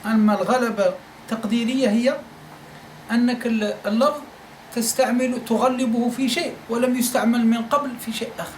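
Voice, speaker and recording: A man's voice: extremely high pitch, fairly even intonation, brisk. A male teacher from Algeria giving a classroom lecture, repeating his points and asking listeners whether they follow. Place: study circle room. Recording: echoey room, faint noise.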